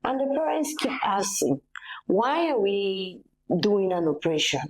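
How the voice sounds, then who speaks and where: A woman from Cameroon with a Cameroonian accent, speaking as an interview guest in a measured, earnest way with pauses and fillers. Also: mid-range voice, sing-song, poor audio. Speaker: medical tourism facilitator, patient's mother.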